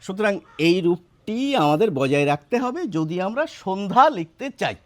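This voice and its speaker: A man teaching a spelling and pronunciation lesson, explaining step by step and asking the viewers questions, with drawn-out hesitation sounds. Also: high-pitched, animated. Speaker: Bengali language teacher.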